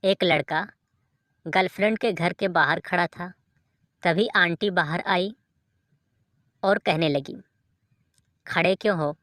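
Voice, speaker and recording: A woman reads short jokes aloud, one after another, in an even storytelling delivery. Her voice sits low for a woman and she takes her time. The recording is dry and close, with no room sound. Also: takes it slowly, long pauses, no echo. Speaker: joke reader.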